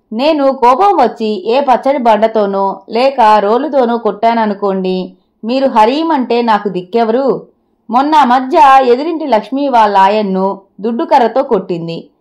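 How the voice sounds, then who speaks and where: A woman narrator puts on a scheming wife in an audio story, her voice pitched fairly high. She snaps back with tart, insistent retorts. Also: a little mellow, lightly acted. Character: sharp-tongued scheming wife.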